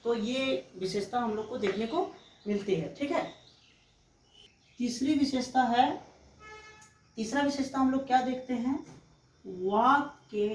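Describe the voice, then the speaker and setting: Woman lecturing slowly in echoey room. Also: fairly high pitch, slight background noise. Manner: slow, explanatory, often checks with "ठीक है". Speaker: teacher. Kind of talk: exam-prep lecture. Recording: echoey room, mic far off.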